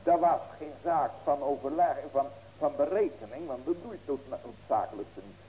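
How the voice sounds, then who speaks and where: Pastor preaching with sudden cries. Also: male voice, fairly high pitch, moderate pace, slight background noise, low-quality recording. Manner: preaching with sudden loud raised cries and rhetorical questions. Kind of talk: sermon.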